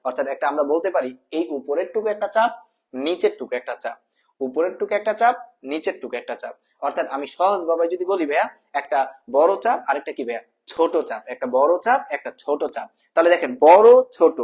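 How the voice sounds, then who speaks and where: A math tutor with a slightly high, slightly mellow voice, recorded with dull audio, teaches a lesson in a casual spoken style. He repeats every term and asks the viewer questions, calling them brother.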